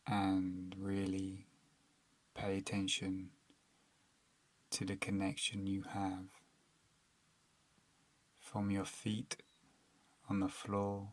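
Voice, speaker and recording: This guided meditation is narrated by a man whose voice sits low. He is calm and soothing, never rushing, and lets long pauses fall between his phrases.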